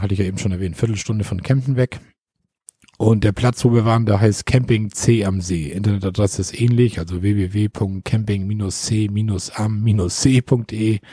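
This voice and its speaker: A man's voice: fairly low pitch, warm tone, husky, dry recording, clean studio sound. A man co-hosting a podcast, telling a long rambling anecdote in casual chat. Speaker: podcast co-host.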